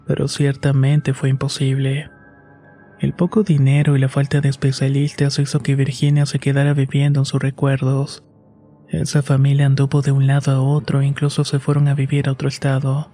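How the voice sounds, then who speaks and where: A man narrating a scripted horror story in a steady, unhurried way. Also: mid-range voice.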